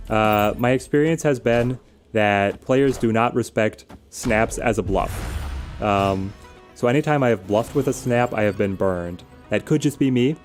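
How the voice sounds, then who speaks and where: Speaking a little slowly in a fairly low voice, a man streams a game live and offers casual commentary. Music plays behind him as he explains strategy conversationally, thinks aloud, and answers viewers.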